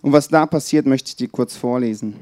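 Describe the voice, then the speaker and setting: Earnest and direct, a man with a mid-range voice preaches to his congregation on Christmas Eve, turning quiet and slow whenever he reads from scripture. There's no room sound, just clean studio-quality audio.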